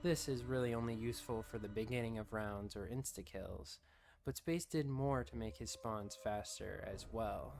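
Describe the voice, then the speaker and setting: A man's voice: lowish voice, normal speed, creaky, darkish tone. A man reading scripted documentary-style narration as the narrator of a video.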